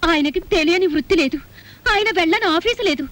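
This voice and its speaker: A woman's voice: very high-pitched, fairly quick, a bit bright. An actress playing a middle-aged wife who scolds sharply and turns tearful and pleading over her absent husband. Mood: boastful, tearful. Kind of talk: Telugu film melodrama.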